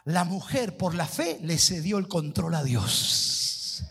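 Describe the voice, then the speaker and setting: A man's voice: fairly high pitch, very animated, slow pace, creaky, fairly bright tone, breathy edge. A man preaching a sermon as pastor, leading the congregation to repeat after him. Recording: long reverb of a church hall.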